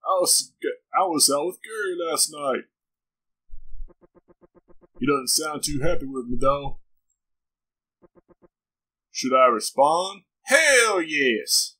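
A man commentating a video game, reading its lines aloud in a put-on low, drawn-out "sexy voice" with deadpan timing. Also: breathy edge, poor audio. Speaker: gaming commentator. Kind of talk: let's play commentary.

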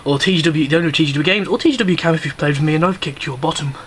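A man's voice: on the high side, racing, a bit bright, a little hiss or hum. A man giving rambling, cheeky unboxing commentary on camera, a bit out of breath. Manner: rambling, chatty, cheeky and self-mocking. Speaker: YouTuber. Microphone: camera mic.

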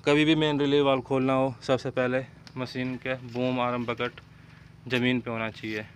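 A man's voice: medium pitch, flat delivery, moderate pace, slight background noise. Man explaining an excavator repair. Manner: explains step by step, calls out short commands to a helper. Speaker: excavator mechanic. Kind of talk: hands-on repair demonstration. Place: outdoors at a worksite beside an excavator.

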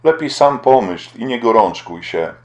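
A man's voice: mid-range voice, animated, measured pace, a little mellow, close to an everyday voice. A man reading the part of a young woman who pleads and pities herself. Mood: pleading. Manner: pleading, self-pitying.

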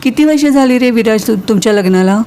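A woman's voice: fairly high pitch, quick pace, dark tone, a little hiss or hum, lightly acted. A woman voicing a young woman in love who turns shocked and disbelieving, questioning and exclaiming.

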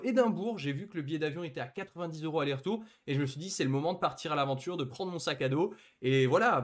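Fast-talking young French vlogger. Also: male voice, a little high. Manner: chatty, addresses viewers directly, frequent fillers. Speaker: vlogger narrating his trip. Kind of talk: casual commentary over travel footage.

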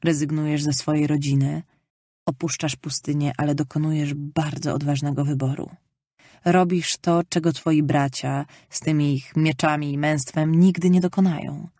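A woman voicing a loving, gentle mother who tenderly reassures her daughter, in an audiobook reading. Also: low voice, fairly even intonation, moderate pace, no room sound, studio quality.

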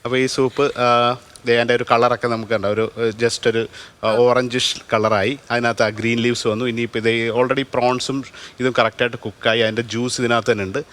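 A man's voice: medium pitch, flat delivery, fairly quick, fairly bright tone, a little hiss or hum. A man demonstrating a recipe as a TV cooking show chef, explaining each step plainly, offering easy variations and mixing English cooking terms into his speech.

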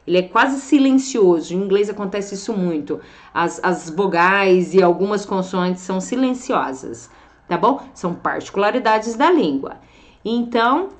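A Brazilian woman teaching English vocabulary, pronouncing words carefully and often checking in with her students. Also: medium pitch. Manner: slow, careful, drawn-out pronunciation of English words; frequent check-ins like "tá bom?" and "ó". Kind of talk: vocabulary lesson.

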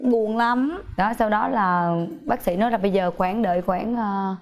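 A young woman guest telling a lively birthing story in casual chat, laughing often and acting out quotes. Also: medium pitch, moderate pace.

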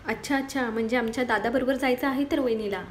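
A woman's voice: on the high side, steady tone, fast talker, slight background noise, close to an everyday voice. Woman reading a sassy little sister, cheeky, storybook voice. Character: cheeky young woman, quick-tongued sister.

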